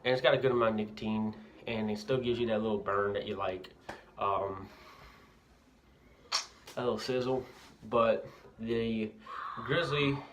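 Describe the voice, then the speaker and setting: A young Louisiana man, lip packed with dip, reviews a product casually in the bathroom of a house. He speaks on the low side, unhurried, with long pauses, and the amateur recording is noisy with clicks.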